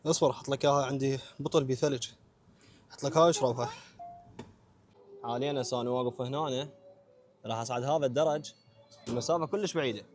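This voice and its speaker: A man's voice: medium pitch, quick pace, pauses often, soft background music. A man with an Iraqi Arabic accent narrating a casual vlog, talking informally to viewers and companions in short phrases. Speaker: vlogger.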